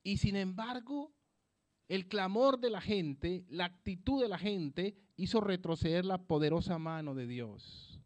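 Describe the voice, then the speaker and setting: A man preaching a sermon at an evangelistic campaign, emphatic and repeating his phrases, swinging between loud declarations and soft asides. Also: high voice, expressive, a little slow.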